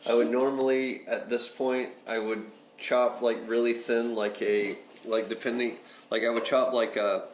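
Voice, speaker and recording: A man's voice: medium pitch, level tone, measured pace, reverberant, a little hiss or hum. A man chatting casually while he cooks and explains a dish, rambling with lots of fillers. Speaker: home cook. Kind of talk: casual chat while cooking. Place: home kitchen.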